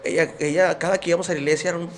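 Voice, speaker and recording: A man's voice: on the high side, fairly even intonation, racing, slight background noise. A man giving his personal faith testimony as a podcast guest, telling his story in an earnest, emotional way.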